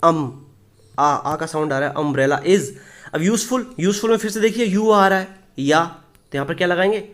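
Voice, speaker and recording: Speaking in Hindi, a man teaches English grammar step by step, asking the class questions and then answering them himself. He reads example sentences slowly, and his voice sits high with lively intonation.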